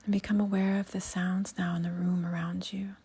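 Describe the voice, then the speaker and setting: A woman teaching yoga breathing and meditation in a soft, husky, near-whispered voice, giving unhurried instructions. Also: on the low side, little pitch movement.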